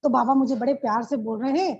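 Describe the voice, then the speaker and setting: A woman with a very high voice recounts a spiritual experience as a personal testimony. She tells it in an animated, emotive way. The sound is muffled and lo-fi. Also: fast talker, slightly rough. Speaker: member sharing a spiritual experience. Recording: muffled lo-fi recording.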